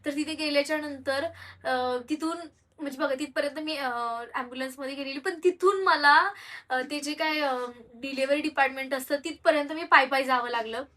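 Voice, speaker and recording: Young woman vlogger, candid and rambling, bright tone, distant mic. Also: high-pitched, fairly even intonation, a little fast. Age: young adult. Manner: candid, rambling, with frequent hesitations and restarts. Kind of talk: personal storytelling to viewers.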